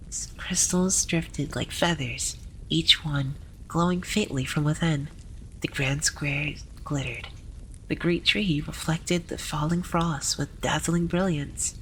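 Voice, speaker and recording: A storyteller narrating a scripted tale in a gentle, hushed ASMR library whisper, often slipping into breathy whispering. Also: mid-range voice, slight background noise, low-quality recording.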